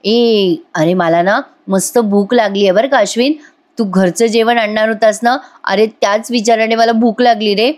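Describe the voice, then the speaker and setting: A sweet-talking, scheming young woman, as a woman voices her. She wheedles in a fairly high, sugary voice. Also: fairly even intonation, moderate pace, natural voice. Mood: wheedling.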